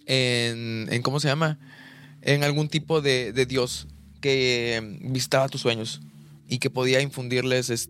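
A man's voice: medium pitch, fairly bright tone, a little hiss or hum. A young man co-hosting a podcast, chatting casually with many restarts and fillers. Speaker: podcast co-host. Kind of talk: casual chat.

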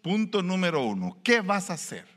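A man's voice: high-pitched, very animated, moderate pace, a bit bright. A man preaching a sermon, colloquial and emphatic, full of rhetorical questions. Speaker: pastor. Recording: long hall reverb.

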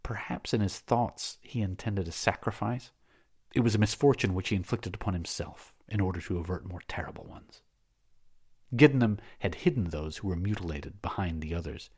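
A man narrating a novel in a measured, dramatic reading. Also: low voice, lively intonation, darkish tone, husky. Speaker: audiobook narrator. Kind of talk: scripted narration.

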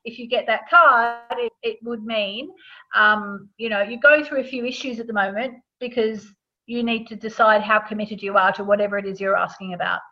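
Speaking at a moderate pace with a fairly high pitch, a woman talks as a guest author in a relaxed interview. She explains her topic informally and keeps checking whether the listener is following. The audio is dull lo-fi.

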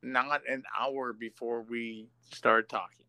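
A man's voice: medium pitch, level tone, takes it slowly, gravelly, sharp tone, no room sound. A man co-hosting a casual movie podcast, joking, profane and self-mocking. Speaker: podcast co-host.

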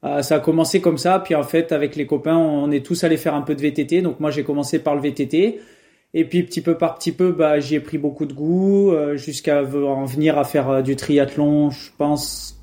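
A man's voice: a little high, warm tone. A young man from France answering interview questions in a casual, hesitant way, with many fillers and restarts. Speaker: guest, professional triathlete.

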